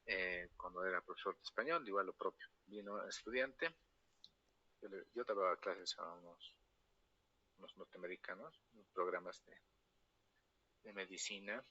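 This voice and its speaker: In a low, husky, sharp-toned voice, a La Paz man lectures university students at a normal pace, leaving long pauses. Nearly every phrase ends with a tag question to the class, and he slips in anecdotal asides, all captured in dull-sounding audio.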